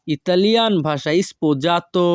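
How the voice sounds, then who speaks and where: A man teaching vocabulary as a slow, patterned drill, repeating each foreign word carefully and drawing it out syllable by syllable. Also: high voice, smooth, no room sound, clean studio sound. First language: Bengali. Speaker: language teacher.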